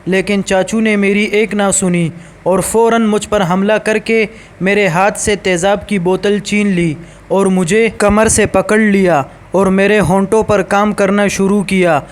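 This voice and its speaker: A man reading a scripted story aloud in a steady, even storytelling voice. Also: high-pitched.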